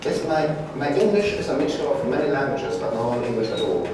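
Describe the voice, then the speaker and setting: A middle-aged man giving a conference presentation in halting English, searching for words and correcting himself. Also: mid-range voice, very animated. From Peru. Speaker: guest speaker, art faculty lecturer. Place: large brick-walled event room, indoors. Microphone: far room camera, no mic. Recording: very echoey room, distant mic, background noise.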